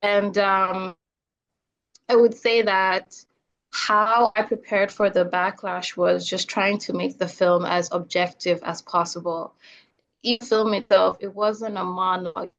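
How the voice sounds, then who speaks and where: Appearing as a guest on a podcast interview, a young filmmaker from Zambia speaks in a medium-pitched, level voice at a slightly slow pace. She comes across as earnest, gaining energy whenever she recounts what others told her. The audio is a little dull and lo-fi.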